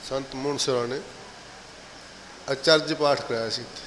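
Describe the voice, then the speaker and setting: Man, casual halting remarks, mid pitch, reverberant room, faint noise. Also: fairly even intonation, a bit bright. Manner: conversational, halting asides.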